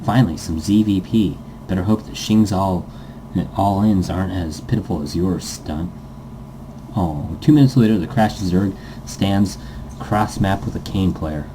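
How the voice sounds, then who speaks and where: In poor audio with a little hiss or hum, a man whose voice sits low and mellow reads a story aloud a bit slowly. Playing the let's player, he occasionally stumbles and self-corrects and keeps breaking into goofy asides.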